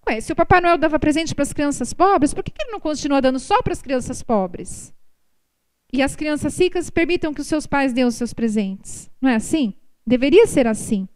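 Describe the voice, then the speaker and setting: Brazilian woman speaker, high and lively, preaching through anecdotes at a prayer meeting. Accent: Brazilian Portuguese. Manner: animated storytelling, tag questions after every point. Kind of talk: religious talk with storytelling. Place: prayer group meeting room. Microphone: microphone recorded for an online stream.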